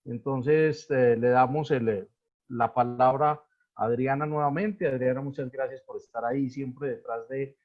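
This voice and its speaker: A man's voice: medium pitch, steady tone, measured pace. Man moderating a lo-fi webinar. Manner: hesitant, with frequent fillers and restarts. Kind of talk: hosting a live video webinar. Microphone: video call. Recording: lo-fi video call audio.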